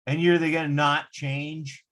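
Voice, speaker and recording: A man's voice: on the high side, flat delivery, a little slow, fairly bright tone. A man hosting a veterans' podcast, talking casually, swearing a lot, emphatic and heated. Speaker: podcast host. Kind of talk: casual profane chat.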